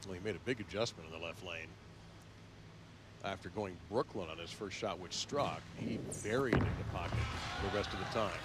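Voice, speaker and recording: A man's voice: low-pitched, normal speed, heavy background noise. An American man giving live play-by-play sports commentary as the announcer.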